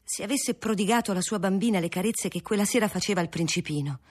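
A woman reads a classic novel aloud with a slightly husky, breathy voice. Her pitch sits in the middle of the range, and her delivery stays measured and even. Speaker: audiobook reader. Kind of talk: novel narration.

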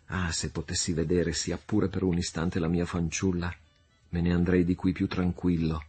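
A man voicing a bold, daring pirate chief who speaks quietly and intensely in an audiobook reading. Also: sits low, flat delivery, normal speed, husky, faint music behind. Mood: murmuring. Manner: quiet, intense, often murmuring.

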